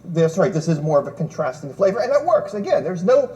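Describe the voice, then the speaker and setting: A man's voice: high-pitched, big pitch swings, quick pace, dark tone, a little hiss or hum. A man hosting a TV tasting show, easygoing and jokey as he leads the chat. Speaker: TV show host. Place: TV studio.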